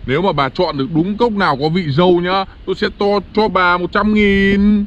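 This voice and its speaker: A man's voice: high voice, moderate pace, muffled recording, a little hiss or hum, lightly acted. A man playing a greedy male demon with a milk-tea cup for a head, gloating and pleading in a comedy skit. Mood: panicky pleading.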